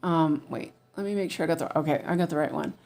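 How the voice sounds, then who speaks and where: An American weaving teacher chats casually while stitching in a stitch-along, full of ums, restarts, and easy laughter. She has a deep voice with a darkish tone and speaks fast.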